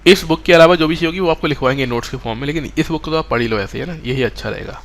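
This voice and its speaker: A man's voice: on the high side, very fast, slight background noise. A man teaching a live online exam-prep class, mixing English terms into Hindi and often checking that students follow.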